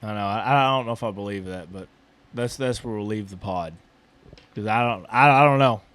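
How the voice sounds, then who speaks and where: A man's voice: on the low side, brisk, a bit bright. Stammering, hesitant male podcast host. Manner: hesitant, stammering, repeats words. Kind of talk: casual debate chat. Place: small hot building.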